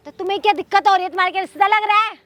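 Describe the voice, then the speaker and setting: Woman doing a cold money-grabbing lady, high voice, blunt, outdoors in a park. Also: rapid-fire, bright, forceful tone, no room sound. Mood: defiant. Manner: blunt and dismissive. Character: cold woman extorting money to drop a case. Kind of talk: amateur skit acting.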